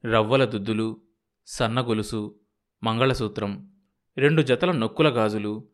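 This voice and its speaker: A man reading a novel aloud in measured storytelling narration. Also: on the low side. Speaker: audiobook narrator.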